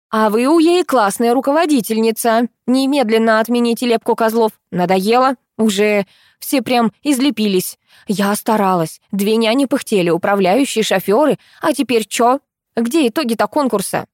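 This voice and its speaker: A brash rich mother shrieks her demands in a high, piercing voice, as a woman reader puts her on. She is crude, bossy and indignant, and the reading sounds dry and close. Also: animated, moderate pace, darkish tone, no echo, lightly acted. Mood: furious. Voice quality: shrill, shrieking. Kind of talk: audiobook reading.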